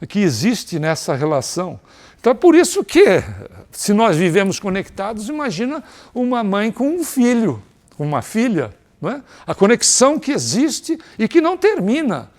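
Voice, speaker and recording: A man giving a spiritist lecture in a conversational way, asking rhetorical questions and often adding tag questions. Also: sits high.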